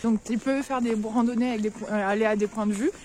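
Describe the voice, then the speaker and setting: A woman's voice: on the high side, fairly even intonation, fast, darkish tone. Young female travel vlogger, chatty and casual, outdoor street noise. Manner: chatty, lots of fillers, addresses viewers directly. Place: outdoors at a snowy castle and Christmas market.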